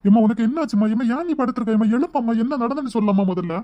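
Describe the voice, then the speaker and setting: Actor doing an anxious cartoon son, rapid and urgent, dull audio. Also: medium pitch, expressive, mellow, close to an everyday voice. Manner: urgent, questioning. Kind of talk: cartoon voice acting.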